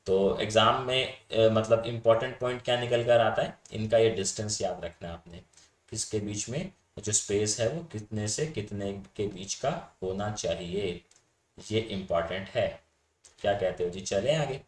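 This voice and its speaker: A man's voice: on the low side, normal speed, reverberant. A man teaching a class, explaining points in a casual, chatty way and often checking whether his students follow. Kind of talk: Hindi-English lecture on communication theory.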